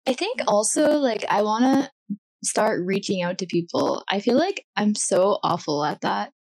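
A woman's voice: medium pitch, expressive, normal speed, gravelly, darkish tone, no echo. A young woman chatting as a podcast guest, earnest and a bit rambling.

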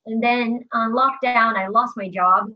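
A young Brazilian woman, a musician guest in an interview, speaks on the high side with fairly even intonation and a slightly slow pace. She's chatty, laughs while talking, and uses lots of fillers, especially "like." The sound is slightly dull and lo-fi.

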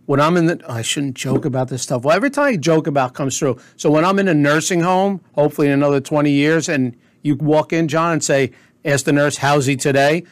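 A man's voice: on the high side, a little fast. A middle-aged man co-hosting a podcast, bantering casually in a joking, teasing way. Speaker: podcast co-host.

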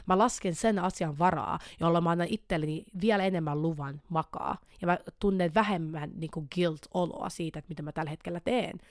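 In a candid personal podcast monologue, a young woman talks animatedly about her struggles, frequently restarting and repeating words and mixing in English. Her voice is on the low side with hardly any pauses, captured in studio quality with no room sound.

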